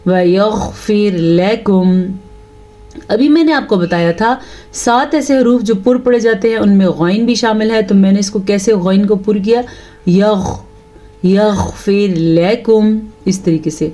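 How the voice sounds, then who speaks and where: A woman teaching tajweed, patiently explaining the rules and reciting her examples slowly and drawn out. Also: medium pitch, mellow.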